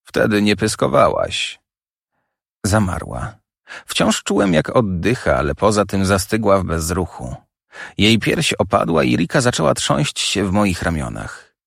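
Gravelly man narrating a dark audiobook. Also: lowish voice, dry recording, clean studio sound. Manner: dramatic, intense storytelling. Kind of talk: first-person audiobook narration.

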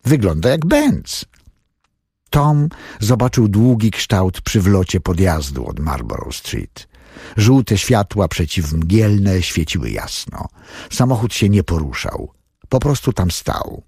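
A male audiobook narrator with a low, husky voice. His pitch moves in lively arcs as he tells the story, and the close recording is dry. The reading is scripted and expressive. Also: takes it slowly, no echo.

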